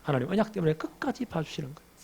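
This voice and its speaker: A middle-aged male pastor delivering a sermon with lively storytelling and questions to the congregation. His voice is gravelly and husky, pitched somewhat high for a man. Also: racing. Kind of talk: expository sermon.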